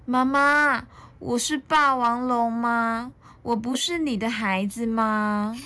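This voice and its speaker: A woman voicing a young boy dinosaur who is hotheaded and sweet, with high, excited squeals. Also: normal speed. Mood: tearful.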